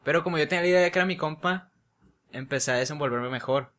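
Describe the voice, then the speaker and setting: A man's voice: fairly high pitch, rapid-fire, a bit bright. Young mexican man telling stories. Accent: Mexican Spanish. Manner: slangy storytelling, laughing often. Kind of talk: casual chat.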